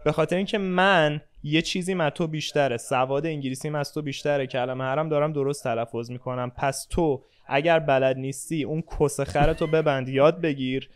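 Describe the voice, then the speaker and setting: A young man co-hosts a casual podcast in a fairly high, smooth and clear voice. He talks bluntly, swears freely, and mocks people with quick impressions. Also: fairly even intonation. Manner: blunt, profane, mocking impressions. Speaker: podcast co-host. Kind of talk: casual crude banter.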